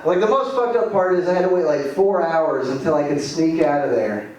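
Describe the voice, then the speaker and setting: A man's voice: a little high, brisk, darkish tone. Man doing stand-up in an echoey club. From Arizona. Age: 20s. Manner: loose, rambling delivery with lots of "like" and "man". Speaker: stand-up comedian. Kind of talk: stand-up comedy set. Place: comedy club stage. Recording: echoey room, voice from far off, audible room noise.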